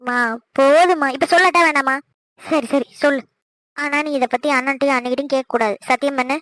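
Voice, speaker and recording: A woman voicing a cheeky young daughter in a cartoon, quick, pleading and exasperated. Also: sits high, fairly even intonation, a bit bright, no room sound. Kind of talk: cartoon voice acting.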